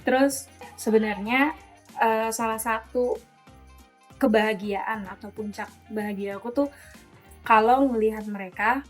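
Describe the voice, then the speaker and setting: A woman in her late twenties, a volunteer tutor, answering interview questions casually and hesitantly, with many pauses and fillers. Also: fairly high pitch, soft background music. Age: 20s.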